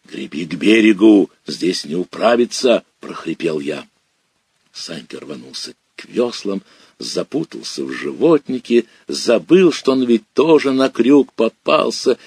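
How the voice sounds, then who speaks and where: Low, husky male storyteller. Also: no room sound. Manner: lively, dramatic storytelling with sudden loud outbursts. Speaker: audiobook reader. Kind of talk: expressive literary narration.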